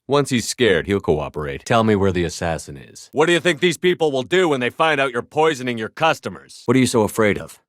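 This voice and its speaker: A man's voice: mid-range voice, sing-song, brisk, hardly any pauses, no room sound, studio quality, natural voice. A man voicing a tough, confident human military commander in a video game, speaking in a firm, clipped, authoritative way. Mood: stern, threatening. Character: tough commanding male human space soldier, confident and blunt. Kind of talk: scripted video game voice acting.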